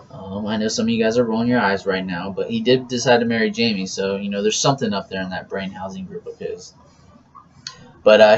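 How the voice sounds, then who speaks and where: A young man giving an informal, teasing best man's wedding toast speech as a recorded message. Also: lowish voice. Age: young adult. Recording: muffled lo-fi audio with background noise.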